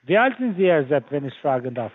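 High-voiced man on a tinny phone line. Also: big pitch swings. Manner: halting, full of fillers, broken grammar. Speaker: phone scammer.

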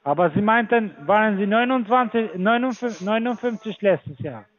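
A man on a phone scam call, talking haltingly with many fillers and broken grammar. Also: sits high, lively intonation. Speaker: phone scammer. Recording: tinny phone line.

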